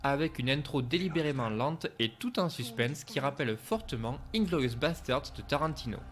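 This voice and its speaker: Critique de cinéma français, homme, narration écrite. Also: male voice, mid-range voice, lively intonation, moderate pace. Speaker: film reviewer. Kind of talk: scripted review narration.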